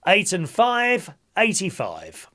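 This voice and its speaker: A man hosts a bingo night as its caller, in a notably high voice. His pitch leaps about in a sing-song way as he calls the numbers. He is a jokey, chummy showman who mixes rhymes with banter. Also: wildly swooping pitch, slow, pushed and bright. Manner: chummy, addresses players as gang and my loves.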